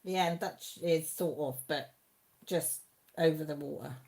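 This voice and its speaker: A homely, chatty YouTube host laughs often as she reads out comments during a casual live chat on her channel. Her Mid Wales Radnorshire-accented voice is low and unhurried, husky and slightly mellow, with vocal fry.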